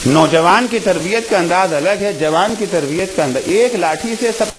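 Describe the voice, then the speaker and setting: A man delivering an impassioned majlis sermon in a high voice that swings widely in pitch. He asks rhetorical questions, bursts into shouts, then drops low and soft. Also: animated, a little hiss or hum, rough recording. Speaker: Shia cleric giving a majlis.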